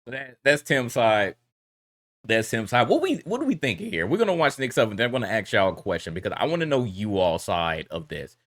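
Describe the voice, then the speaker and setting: A man hosting a reaction video, talking in an animated, heated, blunt way with slang and swearing. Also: medium pitch, fairly quick. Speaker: reaction commentary host. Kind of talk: casual reaction commentary.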